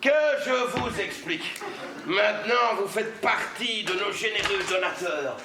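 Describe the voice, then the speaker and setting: A man with a high-pitched voice and a measured pace acts out a comic role on stage: a verbose charity volunteer who keeps stammering, repeating himself and lecturing in slogans with insistent chatter. The theatre hall echoes, and background noise is audible.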